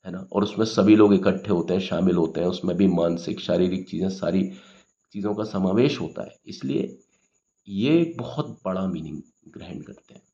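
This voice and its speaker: A man's voice: low voice, moderate pace, creaky, warm tone, highs cut off. A man teaching English grammar in Hindi, patiently explaining words and often checking with "okay?".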